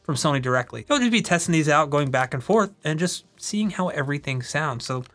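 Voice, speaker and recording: A man's voice: on the high side, animated, a little fast, fairly bright tone. A man reviewing tech gear in an informal, conversational way, casually comparing products.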